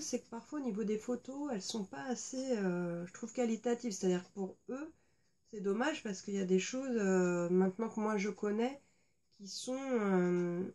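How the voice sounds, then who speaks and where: A beauty vlogger with a warm, medium-pitched voice chats casually at home while unboxing and showing off makeup. She talks with many hesitations and fillers.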